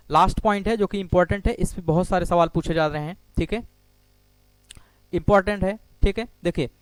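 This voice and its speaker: A man with a high voice teaches a geometry class for exam students, recorded close to the mic with almost no room sound. He explains step by step, asks a question and then answers it himself. He keeps checking in with short repeated words. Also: no echo. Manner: repeats "ठीक है" often while explaining on a board. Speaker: maths teacher. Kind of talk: exam-prep geometry lecture.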